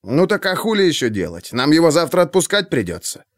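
A man's voice: on the high side, sing-song, brisk, no room sound, clean studio sound, pitched above the performer's own voice. A man voicing a casual, offhand male police officer in an audiobook.

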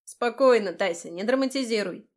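A woman's voice: on the high side, normal speed, lightly acted. A woman voicing a cheeky magical chinchilla familiar. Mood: playful. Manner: teasing, snorting with laughter. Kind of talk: audiobook character voice.

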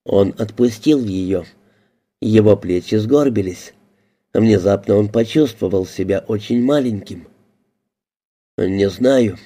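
Dark-voiced male audiobook narrator. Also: lowish voice, measured pace.

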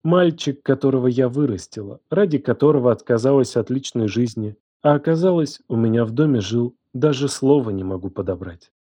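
A man voicing a distraught young woman who raised the man she now accuses, her voice trembling, shouting and hissing. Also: mid-range voice, a little fast, few pauses, no echo, natural voice. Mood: bitter. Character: distraught furious young woman, betrayed guardian.

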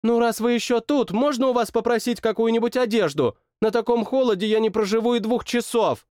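A man's voice: very high-pitched, darkish tone, clean tone, dry recording, studio quality, voice pushed up. A man voicing a stubborn young woman who pleads and scolds in an audiobook. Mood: pleading. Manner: pleading, scolding, quick protests. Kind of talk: audiobook narration.

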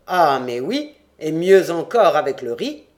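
A man voicing a gruff, blunt smuggler dressed as a bear, in an audiobook. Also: a little high, very animated, unhurried.

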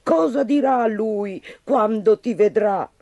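A man's voice: a little high, lively intonation, a little slow, warm tone, dry recording. A man voicing a worried, protective mother duck in a storybook tale, with fretful exclamations. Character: fussing worried mother duck, female adult.

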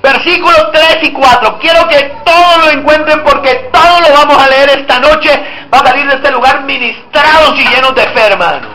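A man's voice: very high voice, moderate pace, few pauses, pushed and bright. A man preaching a sermon, calling out emphatic exhortations and leading the congregation in reading aloud together. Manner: leads the congregation in call-and-response and group reading. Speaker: pastor. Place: church service before a congregation. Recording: echoey church room.

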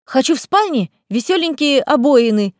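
A woman's voice: high-pitched, lively intonation, moderate pace, a little mellow, dry recording, studio quality, pitched above the performer's own voice. A woman reading a flustered young novice witch. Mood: exasperated. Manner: exasperated, startled questions. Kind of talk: audiobook character voice.

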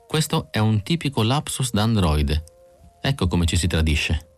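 A man's voice: lowish voice, sing-song, unhurried. A man reading an audiobook, voicing a weary, bitter young woman android who speaks tensely and guardedly.

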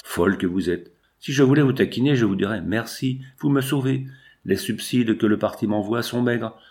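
A man voicing a calculating male strike leader in an audiobook, speaking in a measured, cool, persuasive way with a lowish voice. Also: darkish tone, close to an everyday voice. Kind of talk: audiobook reading.

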